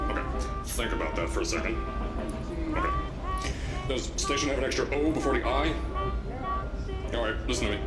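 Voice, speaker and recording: A man's voice: far from the mic, natural voice. An actor playing a brash, boastful middle-aged male science company CEO giving pre-recorded announcements in a game. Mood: irritated. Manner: bombastic, boastful, booming announcer delivery. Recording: roomy in-game audio with loud music.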